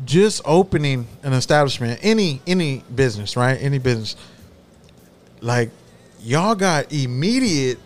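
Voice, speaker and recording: A man's voice: medium pitch, animated, normal speed. Man, podcast host, casual chat, frat-bro slang, sweary buddy talk, mid-range voice. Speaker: podcast host interviewing a restaurant owner.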